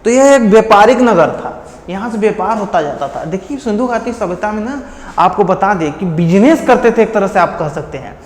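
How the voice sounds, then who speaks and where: High-voiced Indian man teaching history in an echoey room. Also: lively intonation, normal speed. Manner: repeats key facts as quiz questions, with memory tricks. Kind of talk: exam-prep history lecture.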